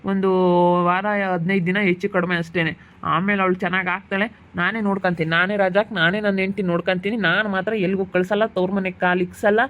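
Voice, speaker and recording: Give me a man as an angry young husband, rapid and repetitive. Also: high-pitched, flat delivery, a bit bright. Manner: heated, repetitive scolding. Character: angry young husband guarding his sick wife. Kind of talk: amateur village family drama.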